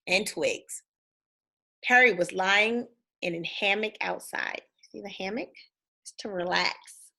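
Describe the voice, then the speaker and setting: A woman with a medium-pitched, sharp-toned voice gives a dramatic, animated storybook reading for children, speaking to them directly and pausing to ask questions.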